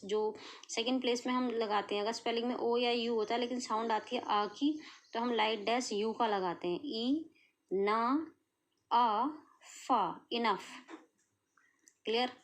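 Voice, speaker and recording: An Indian woman teaching shorthand step by step, patiently checking that her students follow. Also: on the high side. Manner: patient, checks in often with "clear?" and "okay". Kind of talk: explaining a lesson step by step.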